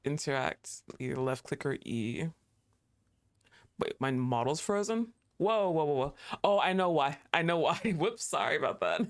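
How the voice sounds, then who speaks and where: Playing a game, this streamer talks in an expressive mid-range voice at a moderate pace. The chat is casual and thought-out-loud, with frequent laughter, fillers, restarts and remarks aimed at the screen.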